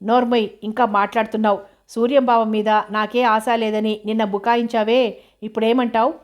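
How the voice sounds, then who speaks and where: Woman reading as a bossy sneering auntie in an audiobook, scolds flat and cold. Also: on the high side, moderate pace, close to an everyday voice. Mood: furious. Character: harsh scornful middle-aged aunt, domineering.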